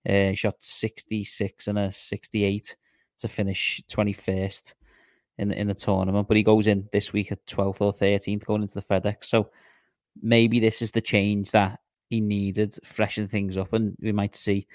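Low-voiced man chatting golf news. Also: monotone, moderate pace, darkish tone, no room sound, studio quality. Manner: chatty, relays news at length. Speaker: podcast co-host. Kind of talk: casual golf news chat.

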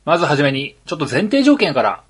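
A man's voice: on the high side, very animated, fast, slightly rough. A man from rural Tohoku co-hosting a podcast in casual chat, playful and self-deprecating. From rural Tohoku, Japan. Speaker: podcast co-host.

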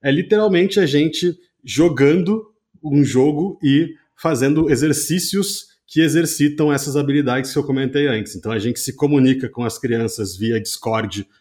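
A man's voice: mid-range voice, moderate pace, few pauses, darkish tone. Brazilian man explaining as podcast guest. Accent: Brazilian Portuguese. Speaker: podcast guest, games education entrepreneur. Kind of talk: conversational explanation.

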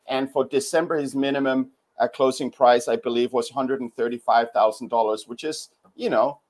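A man joins a panel discussion as a guest, talking casually in a middle-pitched voice. He hesitates often and restarts his sentences as he gathers his thoughts. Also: steady tone, moderate pace, a little mellow. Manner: hesitant, many fillers and restarts. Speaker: guest commentator.

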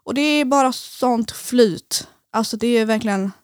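A woman's voice: fairly high pitch, clean tone, dry recording, studio quality. A young woman guest on a podcast, telling a personal story in hesitant casual conversation with many fillers.

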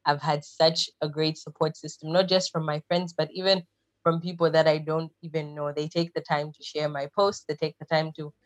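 Speaking at normal speed with a low, level tone, a Zambian podcast guest in her thirties gives conversational interview answers. Her explanations are thoughtful and full of fillers. The audio is dry with no echo, and faint music plays beneath.

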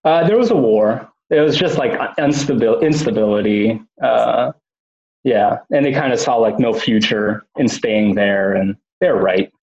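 A man's voice: mid-range voice, a little slow, darkish tone. A man talks casually as a podcast guest, from Canada, full of fillers and false starts. His voice sits mid-range and comes through a roomy space with a dull, muffled lo-fi quality. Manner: rambling, lots of fillers and restarts. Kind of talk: casual chat.

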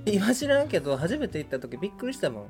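Animated young man with Kansai accent. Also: fast, soft background music. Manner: lively storyteller, animated swings in pitch and loudness. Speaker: podcast co-host, model. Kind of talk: casual chat.

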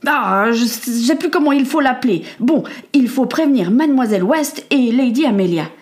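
A woman's voice: a little high, animated, normal speed, a little mellow, voice pushed up, lightly acted. A woman voicing an eager middle-aged husband who talks in raised, stammering bursts. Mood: urgent.

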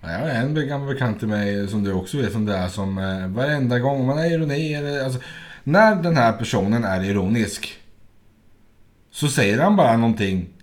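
A man co-hosting a podcast, chatting casually and telling stories with frequent laughter. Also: mid-range voice. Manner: animated storyteller, laughs often. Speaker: podcast co-host. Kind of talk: casual chat.

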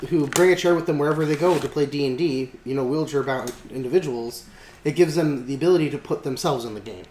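A man's voice: fairly high pitch, quick pace, a little mellow. Rambling man in an echoey room. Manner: rambling, full of fillers and restarts. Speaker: podcast host. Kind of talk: casual chat about a tabletop game. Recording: echoey room with faint noise.

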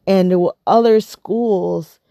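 A woman's voice: mid-range voice, fairly even intonation, takes it slowly, vocal fry, warm tone, dry recording, clean studio sound. A woman in her thirties chatting casually to camera, rambling and repeating herself, tired and yawning. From United States. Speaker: vlogger.

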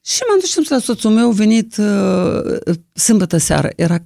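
An older woman with a deep, low singer's voice that carries a gravelly edge. She tells her stories in a lively, expressive way. The sound is dry and close. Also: no echo. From Romania. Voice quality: low, deep singing-trained voice. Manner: lively, expressive anecdotal storytelling. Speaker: interviewee, singer. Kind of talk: storytelling in an interview.

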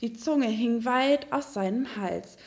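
Eine Frau, die ein Märchen ausdrucksvoll und sanft vorliest. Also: female voice, fairly high pitch, slow, creaky, darkish tone. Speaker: storyteller. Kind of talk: fairy tale reading.

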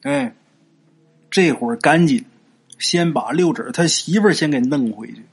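A man's voice: a little high, sing-song, creaky, breathy edge. A man narrating a serialized ghost story in a chatty way, asking and answering his own questions and stretching out particles at the ends of phrases. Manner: frequent drawn-out particles like 啊 and 呀.

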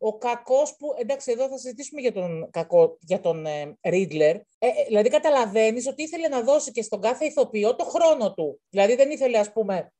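A woman's voice: fairly high pitch, lively intonation, few pauses, dark tone. A woman chatting casually about a film, rambling with frequent restarts. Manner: rambling, restarts often, calls things chaos. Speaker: co-host. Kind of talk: casual film review chat.

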